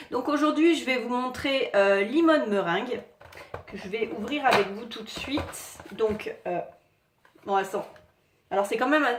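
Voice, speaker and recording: A woman chatting casually to viewers while showing her collectible figurines, in a halting way with many fillers. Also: on the high side. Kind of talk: casual unboxing chat. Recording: echoey room, faint noise.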